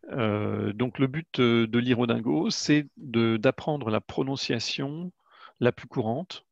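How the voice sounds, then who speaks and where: A man's voice: mid-range voice, vocal fry, dry recording. A man giving a webinar presentation of his educational card games, hesitant and full of "euh" fillers and restarts, on a computer mic over a video call. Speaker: educational game creator presenting. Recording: dull lo-fi webinar audio, dry.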